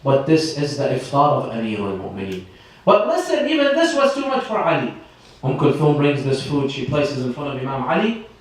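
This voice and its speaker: A man's voice: medium pitch, wildly swooping pitch, fairly quick. Impassioned man preaching in an echoey hall. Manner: impassioned, wide swings between soft and emphatic. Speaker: religious speaker. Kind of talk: sermon. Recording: echoey, distant hall mic with faint noise.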